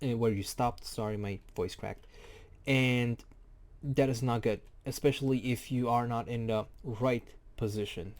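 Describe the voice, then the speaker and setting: A man's voice: medium pitch, darkish tone. A man casually explaining a game boss fight, rambling and jokey, often correcting himself. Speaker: game guide creator. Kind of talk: casual spoken game tutorial.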